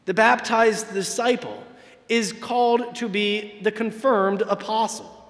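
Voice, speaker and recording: A man in his thirties delivers a Sunday homily from the pulpit of a large church, his voice pitched high. He preaches with emphatic pauses and builds his points with sweeping gestures. The sound is caught from a distance, with a long reverb trailing through the church. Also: steady tone, fairly bright tone. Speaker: parish priest. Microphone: far camera, church sound system.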